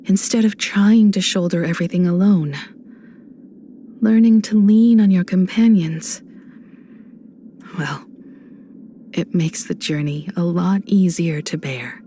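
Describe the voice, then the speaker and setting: An actress voicing Himeko, a graceful, composed and warm space navigator in a video game, with a poised, gently reassuring manner. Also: female voice, on the low side, slow, pauses often, slight background noise. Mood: reflective, admiring. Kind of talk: polished game voice acting.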